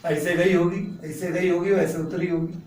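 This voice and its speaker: A man's voice: sits high, level tone, normal speed, darkish tone. A male physics teacher lecturing a class. He explains step by step, mixes in words, and keeps asking the students whether they follow. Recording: echoey room, voice a bit distant.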